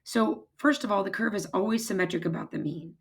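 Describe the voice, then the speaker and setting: A woman with a hoarse, raspy voice that is giving out, explaining step by step as a math teacher in an informal recorded lecture. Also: mid-range voice, fairly quick. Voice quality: husky, raspy, strained voice. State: hoarse, losing her voice, throat-clearing.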